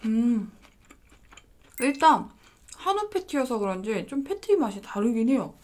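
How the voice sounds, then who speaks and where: A woman's voice: fairly high pitch, a little mellow. A woman giving a casual mukbang food review in a polite, chatty manner, talking while chewing with her mouth full.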